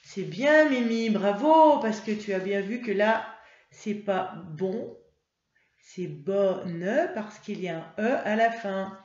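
Slow, patient woman teaching reading. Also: medium pitch, darkish tone. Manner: patient, encouraging, spells out letters slowly. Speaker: first-grade teacher. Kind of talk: reading lesson for young pupils. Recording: roomy, slightly dull home recording.

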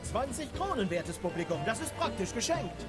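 An actor playing a formal, showy auctioneer, calling lots and bids with theatrical sales patter. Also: male voice, extremely high pitch, big pitch swings, moderate pace, loud music behind the voice. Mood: brisk selling.

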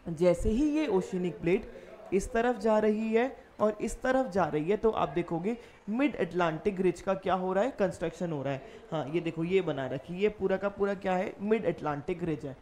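A woman's voice: fairly low pitch, normal speed, dark tone, slight background noise. A woman giving an online geography lecture as a teacher, walking through slides and asking questions she then answers herself. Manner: explanatory, asks questions then answers them.

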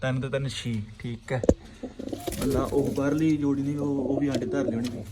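A man's voice: medium pitch, steady tone, moderate pace. A man with a Punjabi accent vlogging in casual, earthy chat, exclaiming often and repeating himself. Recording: noisy, birds and ambient sound. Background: pigeons and ambient noise.

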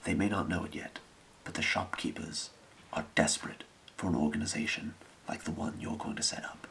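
Man whispering as a low, gravelly thieves' guild boss. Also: steady tone, fairly bright tone, poor audio. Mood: hushed, calculating. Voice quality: breathy whisper with gravelly creak. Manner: measured, deliberate, secretive. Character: scheming male thieves' guild boss briefing a recruit. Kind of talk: whispered role-play.

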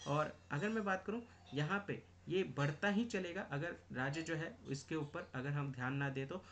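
A man delivers a current affairs lesson for exam students, his voice sitting somewhat high. He circles back over phrases and fillers as he reads through figures. A faint noise runs under the recording. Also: moderate pace, fairly bright tone. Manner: explains in Hindi mixed with English terms, repeats phrases, many fillers. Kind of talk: exam-prep lecture reading news.

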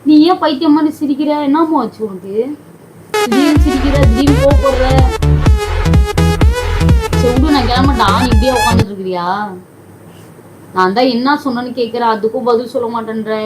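A woman's voice: sits high, fairly quick, long pauses, over loud music, poor audio. A woman who keeps pleading and scolding in a comedy sketch at home. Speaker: comedy video creator.

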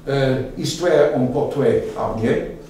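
A man's voice: medium pitch, a little slow, mellow. An older man giving an informal talk to a local society, rambling and chatty, with many fillers and restarts. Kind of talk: informal lecture. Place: meeting room with an audience. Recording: echoey room, mic far off, faint room noise.

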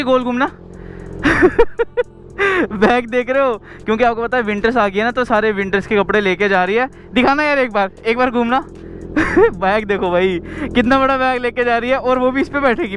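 A man's voice: high voice, a little hiss or hum. A young man hosting a casual vlog, chatting and teasing, talking straight to his viewers. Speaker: vlogger.

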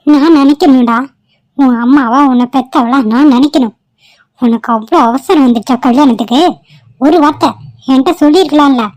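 A woman's voice: high-pitched, moderate pace, darkish tone, no echo, close to an everyday voice, low-quality recording. A woman voicing a middle-aged village mother in a cartoon, scolding and sarcastic toward her son. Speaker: mother of the groom. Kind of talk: cartoon voice acting.

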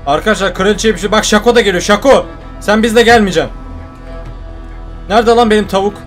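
A man hosting a let's play video, commenting on the game with excitable, joking banter aimed at his viewers. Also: sits high, fast, soft background music. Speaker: gaming video host.

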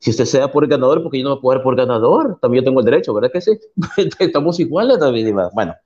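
A man's voice: medium pitch, animated, quick pace, darkish tone. A man in a heated online debate, combative and preachy, quoting scripture at his opponent. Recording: dull lo-fi call audio.

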